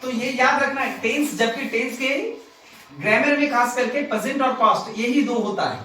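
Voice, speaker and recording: A man's voice: extremely high pitch, moderate pace, bright, forceful tone. A male grammar teacher, lecturing a class and quizzing students with repeated questions. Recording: very echoey classroom, distant mic, noisy.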